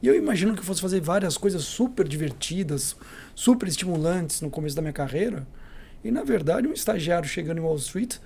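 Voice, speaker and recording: A middle-aged Brazilian man with a Brazilian Portuguese accent, a company CEO telling lively anecdotes as a podcast guest, acting out the dialogue. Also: fairly high pitch, brisk, creaky, slightly rough. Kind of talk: storytelling in a podcast interview.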